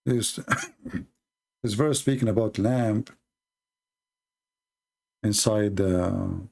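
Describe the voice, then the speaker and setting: A man talks slowly through a late-night livestream, halting and mocking with sarcastic asides. His voice has a gravelly fry running through it. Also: lowish voice, dark tone. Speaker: online debate streamer.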